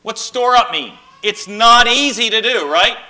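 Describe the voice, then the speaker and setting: A man's voice: very high voice, lively intonation, unhurried, bright, forceful tone. A man preaching a sermon as pastor, telling stories and rising into emphatic bursts.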